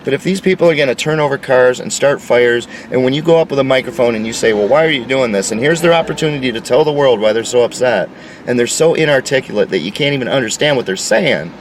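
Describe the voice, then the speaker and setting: A man's voice: mid-range voice, quick pace, far from the mic, a little hiss or hum, poor audio. A man delivering an insistent, lecturing opinion monologue. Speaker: commentator.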